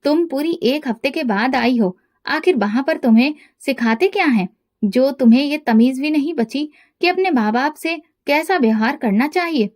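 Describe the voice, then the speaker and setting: A woman's voice: high-pitched, expressive, moderate pace, a little mellow. A woman voicing a middle-aged mother who scolds her daughter but cares for her family. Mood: scolding. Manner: chiding, reproachful.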